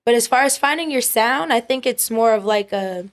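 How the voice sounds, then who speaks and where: A young woman with a high voice, a singer-songwriter, chats casually as a guest in an interview. She sounds relaxed, uses lots of fillers, and laughs easily.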